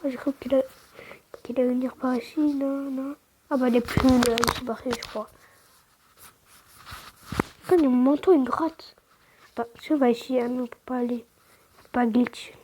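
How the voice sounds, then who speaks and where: Une joueuse au timbre assez haut fait un commentaire de jeu décontracté. Elle trébuche sur ses mots et les répète, puis s'exclame avec vivacité. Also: female voice, high-pitched, normal speed, pauses often, slight background noise. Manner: stammers, restarts words; excitable outbursts, slangy. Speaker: gaming channel host. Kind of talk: casual gameplay commentary.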